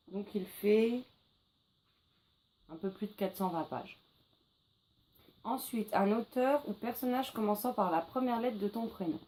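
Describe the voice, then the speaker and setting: A woman with a French accent presenting a book challenge in a chatty, casual video, often pausing with fillers and correcting herself. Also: medium pitch, warm tone, a little hiss or hum, poor audio. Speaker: book vlogger.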